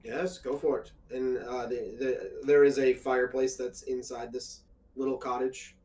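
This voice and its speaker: A man's voice: mid-range voice, little pitch movement, measured pace, darkish tone. A man running a tabletop game as game master, narrating unhurriedly with frequent fillers. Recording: distant mic with faint background noise.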